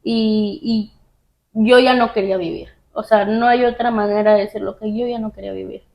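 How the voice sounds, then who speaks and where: A woman telling her personal story in a soft, hesitant way, pausing often and using fillers. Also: medium pitch, fairly even intonation, vocal fry, lo-fi sound. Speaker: guest sharing her testimony. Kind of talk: personal testimony in conversation.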